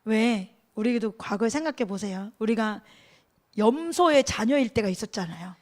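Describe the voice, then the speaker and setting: A middle-aged woman pastor preaching a sermon in a lively, conversational way, asking the congregation questions and laughing often. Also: on the high side, normal speed.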